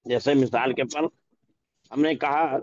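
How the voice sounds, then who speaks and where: A man teaching an Urdu lesson, slowly repeating example words and phrases so students can drill them, now and then clearing his throat. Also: medium pitch, steady tone, darkish tone, no echo, dull audio. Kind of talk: classroom language lesson.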